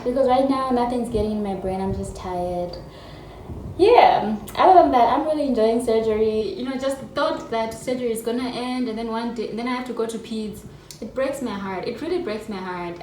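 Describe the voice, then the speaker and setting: A woman's voice: a little high, a little mellow, slight background noise. Chatty young woman, echoey distant mic. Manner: chatty and rambling, with many "um"s. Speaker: medical student vlogger. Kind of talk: casual vlog chat. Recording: echoey room, distant mic, faint ambience.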